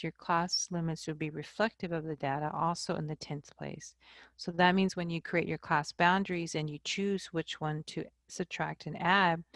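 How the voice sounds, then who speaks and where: A woman math instructor giving a recorded lecture, explaining slowly and checking in with "okay?". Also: on the low side, no room sound, studio quality.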